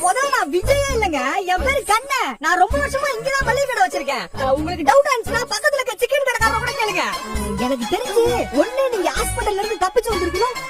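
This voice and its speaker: A man's voice: very high voice, sing-song, quick pace, distant mic. A man playing a timid grocery shopkeeper who nervously pleads and denies everything. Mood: flustered. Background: loud children's music.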